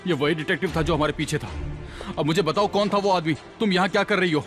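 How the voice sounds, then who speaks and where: An actor playing a firm, protective family man in a dubbed TV drama, over loud background music. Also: medium pitch, moderate pace, close to an everyday voice. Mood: scolding. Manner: firm, scolding when angry. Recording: loud music under dialogue.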